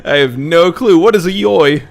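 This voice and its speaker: A man's voice: fairly high pitch, normal speed, creaky. A man co-hosting a let's play, chatting casually, laughing often and slipping into mock-lecturing jargon. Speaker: co-host of a gaming let's play.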